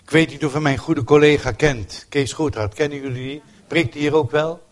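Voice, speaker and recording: An older man, a pastor delivering a sermon in an emotional, emphatic way with sudden loud outbursts. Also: a little high, normal speed.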